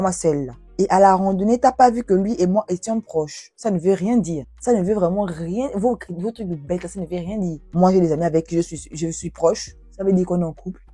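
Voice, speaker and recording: A young woman YouTuber telling viewers' love stories and reacting to them in an expressive, exclaiming way. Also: medium pitch, slightly rough, no room sound. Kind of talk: storytelling with commentary.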